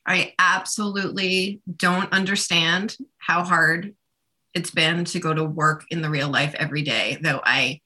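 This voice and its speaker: Low-voiced bright chatty woman lawmaker. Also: fairly even intonation, measured pace. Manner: earnest, chatty, many "like" fillers. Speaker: state representative. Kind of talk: casual radio conversation.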